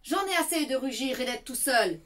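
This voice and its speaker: Lady doing a sad lonely dragon, sniffly and unsure, soft and gentle, storybook. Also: high-pitched, animated, moderate pace, voice pushed up. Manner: sniffling, hesitant.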